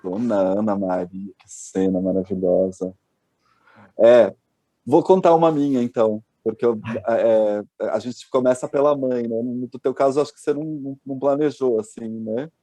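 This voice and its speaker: Apresentador catarinense de voz suave. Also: male voice, medium pitch, moderate pace, dark tone, no room sound. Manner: chatty, hesitant restarts. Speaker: podcast host. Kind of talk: casual storytelling chat.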